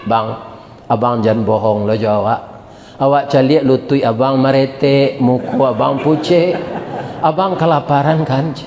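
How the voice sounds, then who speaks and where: A kind young girl coaxes softly, gentle and caring, as a male preacher puts her on. The voice rings out through an echoey hall with a long, lingering reverb. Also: medium pitch, fairly even intonation, measured pace, a little hiss or hum, close to an everyday voice. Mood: coaxing.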